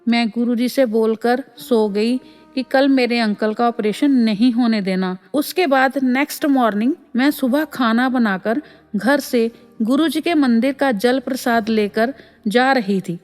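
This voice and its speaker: A woman's voice: on the high side, measured pace, a little mellow, soft background music. A woman reading a devotee's first-person story as a voice-over, often addressing listeners as sangat ji. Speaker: voice-over reader of devotee satsang stories.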